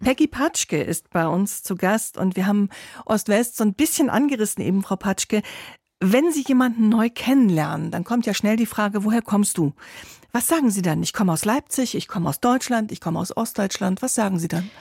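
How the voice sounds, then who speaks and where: A woman's voice: mid-range voice, animated, moderate pace, gravelly, a little mellow, slightly rough, dry recording, clean studio sound. A woman hosting a radio interview, introducing her guest and asking composed, probing questions. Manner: composed, probing, matter-of-fact. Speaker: radio show host and interviewer.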